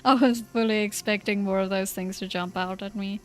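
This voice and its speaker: A woman's voice: mid-range voice, fairly even intonation, brisk. A woman streaming a game in casual, chatty commentary, talking to herself, giggling and trailing off mid-thought.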